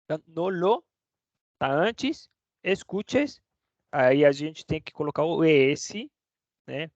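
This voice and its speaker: A man's voice: fairly high pitch, vocal fry, dry recording. A man teaching a casual online lesson, chatty, checking in with the class every few words. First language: Portuguese. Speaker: Spanish teacher. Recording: dry, dull lo-fi sound.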